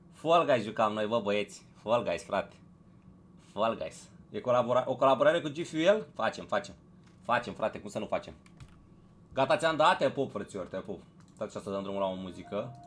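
With a lowish, husky voice, a man runs a relaxed live stream. He talks with his audience, welcomes each viewer by name, repeats phrases and pushes everyone to hit like.

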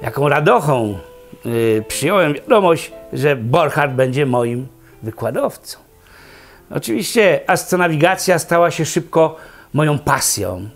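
An older man fondly reminiscing about his former teacher in a documentary interview. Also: on the high side. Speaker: former student recalling a teacher.

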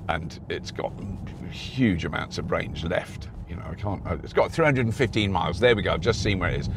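A middle-aged man hosting a car review, talking casually while he drives, rambling and restarting his sentences. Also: fairly low pitch. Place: inside a moving car. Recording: road noise in a moving car.

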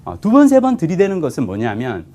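A man's voice: fairly high pitch, huge pitch swings, quick pace, dark tone. A man in his forties giving a humorous talk to an audience and acting out pickup lines as he goes. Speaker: drama producer giving a talk. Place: stage in front of an audience.

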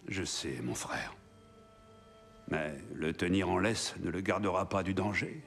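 A man playing a frank, thoughtful brotherly adviser in a video game, speaking in a measured, reflective way. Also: deep voice, expressive, creaky, fairly bright tone, faint music behind, heavily acted. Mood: reflective, candid. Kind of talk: video game drama acting.

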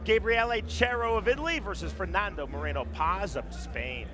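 A man's voice: high voice, animated, moderate pace, crowd noise. A man calling a fight live as play-by-play commentator, with a polished broadcast delivery. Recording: voice over loud music. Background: loud music.

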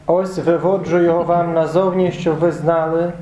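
Pilate as a questioning Roman governor, read by a man in a church Passion reading. The voice is a little high and warm in tone, with a church echo. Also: little pitch movement, normal speed, highs cut off, a little hiss or hum, natural voice. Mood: stern. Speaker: reader of Pilate's words. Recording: echoey church room.

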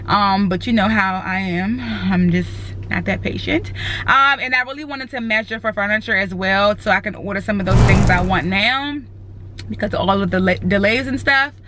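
A vlogger in her thirties chats casually to her phone camera, held at arm's length, rambling with fillers first in a parked car and then inside an unfinished house. Her medium-pitched voice moves at a moderate pace over a noisy background.

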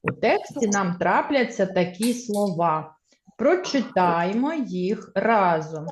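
A woman's voice: mid-range voice, lively intonation, slow, a little hiss or hum. A woman teacher leading a primary school reading lesson, encouraging the children and having them repeat words after her. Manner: encouraging, leads class in choral repetition. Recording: echoey classroom, slightly dull sound.

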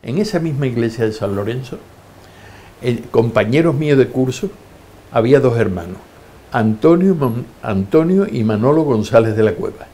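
An older man with a medium-pitched voice speaks at normal speed in a storytelling interview. He tells lively anecdotes from his life and acts out the voices of the people in them.

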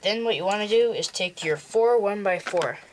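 A young male tutorial host with a high-pitched voice walks through building a toy model step by step, slowly and plainly. The recording is rough, with a little hiss or hum.

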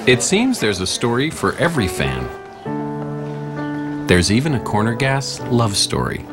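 A man narrating a television news feature in a measured way. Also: medium pitch, huge pitch swings, over loud music. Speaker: reporter, narrator.

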